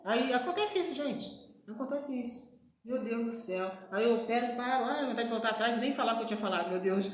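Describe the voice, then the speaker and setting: Echoey chatty woman preaching. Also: on the high side. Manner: chatty, repeats "né" and "gente" to the listeners. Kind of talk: informal sermon. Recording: very echoey room with faint noise.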